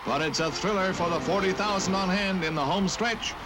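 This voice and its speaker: A man's voice: sits high, a little fast, heavy background noise. An American man narrating a 1950s newsreel in a dramatic, punchy announcer's delivery. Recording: old newsreel soundtrack under loud music.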